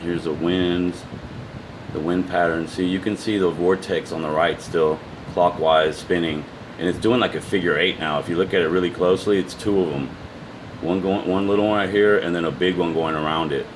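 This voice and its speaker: A man giving a casual, unscripted explanation to viewers, halting as he goes, often repeating words and trailing off. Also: low-pitched, steady tone, background noise. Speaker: amateur video presenter.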